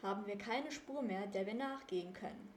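A woman's voice: mid-range voice, normal speed, slight background noise, natural voice. Brief: fretful teen boy detective, agitated and complaining, read by a woman, echoey room. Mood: grumbling. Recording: roomy echo.

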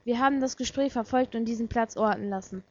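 A woman's voice: fairly high pitch, quick pace. A woman voicing a cool, detached young male detective who speaks in curt, matter-of-fact questions. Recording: dull lo-fi recording.

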